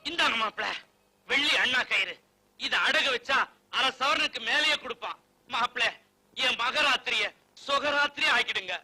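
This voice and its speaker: An actor playing a loud, blustering older father-in-law who shouts and threatens. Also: very high voice, normal speed, long pauses, soft background music, exaggerated voice, rough recording. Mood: coaxing.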